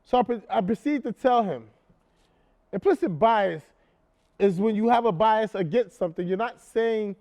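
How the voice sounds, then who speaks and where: An actor performing a stage monologue, playing a man who retells a tense encounter in an animated, emphatic way and then turns into a brash, sarcastic talk show host. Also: high voice, normal speed. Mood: indignant storytelling. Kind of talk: theatrical monologue, stand-up-like storytelling.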